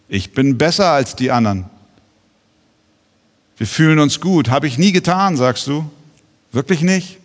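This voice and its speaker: A man's voice: medium pitch, big-room sound. A man preaching a sermon as pastor, earnest and pressing his listeners with pointed rhetorical questions.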